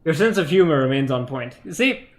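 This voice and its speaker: Guy doing a serious by-the-book cop, earnest, a bit higher voice. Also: lively intonation, brisk, lightly acted. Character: straight-laced serious male police detective.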